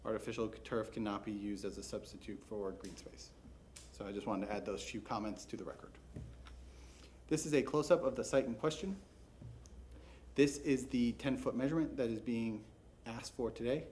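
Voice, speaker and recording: A man giving a brisk, businesslike, formal case presentation at a public hearing, as a staff member. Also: mid-range voice, a little mellow. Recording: faint noise, public hearing room.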